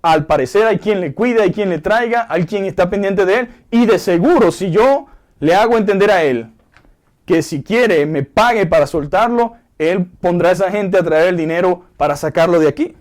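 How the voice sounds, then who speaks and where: A man's voice: sits high, normal speed, a little mellow, lightly acted. A Venezuelan-accented man voicing a sly, corrupt male governor who angles for a bribe in a wheedling way. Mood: scheming.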